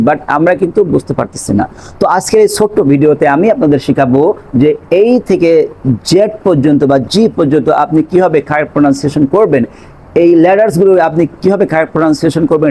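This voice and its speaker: A man teaching English letter sounds, repeating each sound slowly for learners. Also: a little high, a little mellow, poor audio. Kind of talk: spoken language lesson.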